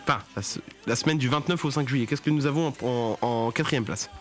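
A man's voice: mid-range voice, fast talker. A young man hosting a casual radio segment, rambling with many fillers and joking exasperation. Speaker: radio show host.

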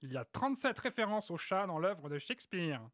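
A chirpy, cheerful robot cat, as a man puts it on for a comic radio bit. Its lines bounce through a lively, swooping melody with a sing-song brightness. The sound is close and dry, with no room around it. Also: high-pitched, a little fast, no echo, pitched above the performer's own voice.

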